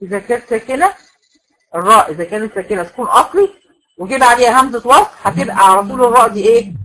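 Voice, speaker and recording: A woman's voice: fairly high pitch, lively intonation, racing, a bit bright, low-quality recording. A woman with an Egyptian accent teaching a recitation class to women students, explaining rules step by step and asking the class questions that she answers herself. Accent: Egyptian Arabic. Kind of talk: classroom lecture.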